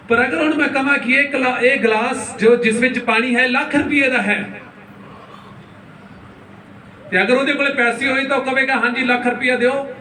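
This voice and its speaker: High-voiced man preaching in echoey church. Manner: call-and-response, keeps urging the congregation to say hallelujah louder; preaches with questions to the crowd and acted-out examples. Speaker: pastor. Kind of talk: Pentecostal sermon. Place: large church hall. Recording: echoey church hall, mic at a distance.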